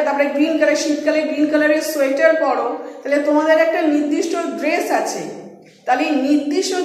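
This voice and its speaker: A woman teacher with a high voice gives a patient classroom lesson, spelling each word letter by letter. Her room is very echoey, and a long reverb trails after her.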